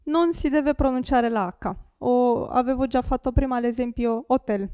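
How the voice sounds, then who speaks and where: A young woman with an Italian accent teaching Italian pronunciation, saying each word slowly and carefully and repeating it. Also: a little high, warm tone, clean tone, no echo, dull audio. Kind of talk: pronunciation lesson.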